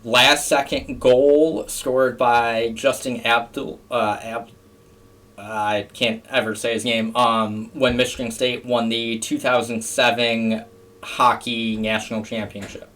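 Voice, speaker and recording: A man's voice: medium pitch, level tone, slow, fairly bright tone, distant mic. Young man chatting a bit off-mic. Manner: chatty, laughs at himself, imitates a play-by-play call. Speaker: podcast host and streamer. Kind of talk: casual podcast chat.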